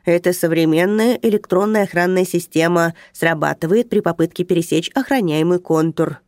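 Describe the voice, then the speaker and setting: A woman's voice: fairly low pitch, moderate pace, darkish tone, no room sound, close to an everyday voice. A short, round, middle-aged security guard barks orders and frets over the rules, as a woman reading a story puts him on. His manner is officious. The sound is dry and close. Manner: officious, barking.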